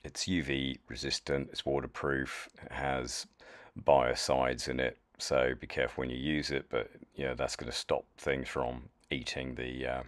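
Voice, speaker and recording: A man with a British accent narrating his woodcarving project in a casual voice-over, hesitant with many pauses and restarts. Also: rumbling low, little pitch movement, a bit bright. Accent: British English. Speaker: chainsaw wood carver.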